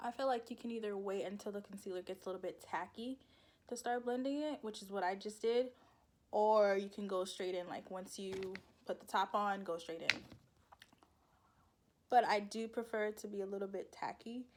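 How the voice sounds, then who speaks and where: A woman's voice: medium pitch, moderate pace, darkish tone. A young woman, chatting casually through a makeup tutorial, rambling and laughing at her own slips. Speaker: beauty vlogger.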